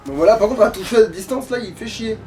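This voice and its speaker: While playing through a video game boss fight, a man delivers casual, colloquial let's play commentary full of swearing. His voice sits high with a dark tone, and he speaks quickly. The mic is distant, with game music playing behind him.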